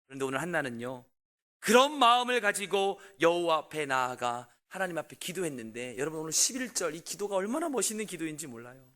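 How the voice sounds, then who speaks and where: A man in his forties, a pastor telling a family story in a sermon and asking the congregation questions, with loud bursts and quiet asides. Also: on the high side, fast talker. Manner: animated, swings between loud outbursts and quiet asides.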